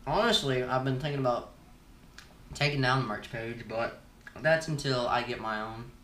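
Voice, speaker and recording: A teenage YouTuber hosts a casual Q&A vlog, chewing gum as he rambles in a laid-back way full of fillers. His voice is mid-range and a bit bright, at a moderate pace. The audio has slight background noise and a roomy echo, captured from a distance.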